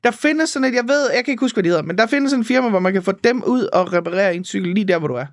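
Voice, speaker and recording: A woman co-hosting a podcast in casual chat, ranting in an animated, exasperated way and swearing freely. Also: mid-range voice. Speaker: podcast co-host.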